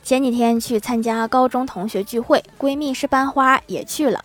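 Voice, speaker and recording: A woman hosting a show, telling scripted jokes briskly and laughing at the punchlines. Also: sits high, steady tone, a bit bright, soft background music. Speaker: host. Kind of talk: scripted joke narration.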